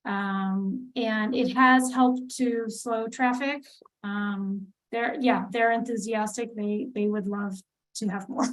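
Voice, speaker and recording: A woman's voice: medium pitch, fairly even intonation, takes it slowly, low-quality recording. A woman presenting a street plan at a public community meeting, talking with many fillers and restarts. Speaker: city transportation planner presenting.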